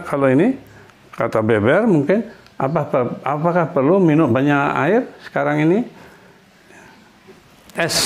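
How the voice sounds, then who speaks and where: A middle-aged man teaching a relaxed lesson, explaining step by step, often restarting and repeating example sentences. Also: mid-range voice, vocal fry. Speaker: Spanish teacher. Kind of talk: casual spoken lesson.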